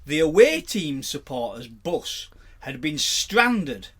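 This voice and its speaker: This English podcast co-host, a Yorkshireman, chats casually and tells pub stories, breaking into frequent laughter. He speaks slowly in a fairly high, sing-song voice that's fairly bright with a breathy edge.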